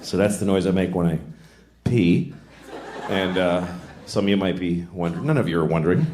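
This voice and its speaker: A man's voice: sits low, brisk, a little hiss or hum. Middle-aged man doing stand-up comedy. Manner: dry, self-mocking storytelling with acted-out voices. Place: live comedy venue. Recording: echoey venue with loud audience laughter.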